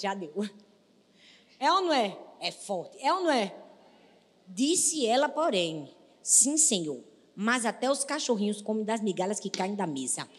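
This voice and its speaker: High-voiced Brazilian woman preaching in a church hall. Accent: Brazilian Portuguese. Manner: emphatic, calls on the congregation, swings between hushed and shouting. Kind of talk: sermon.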